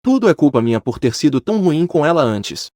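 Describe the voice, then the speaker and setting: A man reading a romance story aloud as first-person narration, in a steady scripted reading tone. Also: a little high, brisk, dry recording, clean studio sound.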